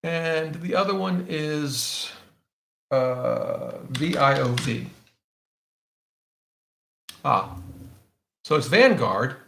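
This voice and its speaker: A man's voice: fairly high pitch, lively intonation, extremely slow, gravelly, pauses often, a bit bright, echoey room. A man hosting a live question-and-answer stream, explaining his choices in a casual way and often restarting his sentences as he thinks aloud. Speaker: finance channel host answering viewer questions.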